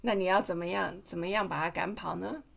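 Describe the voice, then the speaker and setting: A woman's voice: lowish voice, fairly even intonation, fairly quick, creaky. A mother reading a picture book to her kids on a podcast, playful and chatty, often asking them questions. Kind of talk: storybook read-aloud podcast.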